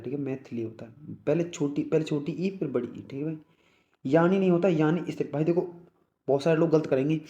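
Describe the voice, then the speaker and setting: A man's voice: fairly high pitch, a little mellow, reverberant, muffled recording. A man teaching a spelling lesson for exam prep, repeating words and checking in again and again. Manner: repeats words, keeps asking "okay brother?".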